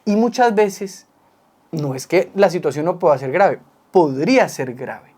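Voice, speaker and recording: A psychologist co-hosting with his wife gives casual advice, explaining with vivid everyday examples and acting out quotes. His voice is on the high side and darkish, with lively intonation and a measured pace.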